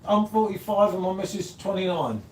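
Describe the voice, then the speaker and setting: A man around fifty runs a casual live-stream chat, teasing and rambling along. His voice sits high for a man and swings widely in pitch. He is picked up from a distance in an echoey room with a faint hum behind. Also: animated, fairly quick. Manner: teasing, rambling, chatty, says "mate" often. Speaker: co-host of live beer review stream. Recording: roomy, off-mic, faint background hum.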